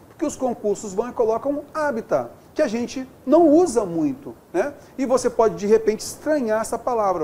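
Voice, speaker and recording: A man with a Brazilian accent teaches grammar in a lively, swooping voice that jumps high and low. He keeps talking to the class directly and draws each example word out slowly, like he is writing it on the board. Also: slight background noise. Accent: Brazilian Portuguese. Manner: animated, drawing out example words slowly, addressing students directly. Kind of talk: lively classroom-style lesson.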